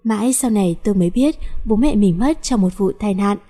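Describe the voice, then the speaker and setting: A woman narrating a first-person story in a steady, unhurried way. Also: mid-range voice. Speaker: audiobook narrator.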